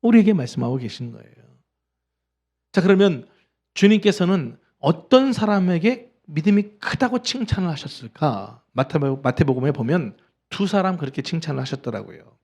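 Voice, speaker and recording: A middle-aged man preaching from the pulpit with a somewhat high voice. He tells the story with animation and acts out the voices he quotes. He keeps asking the congregation questions as he goes. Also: big pitch swings, normal speed, a little mellow, slightly rough. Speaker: pastor. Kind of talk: sermon. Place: church sanctuary.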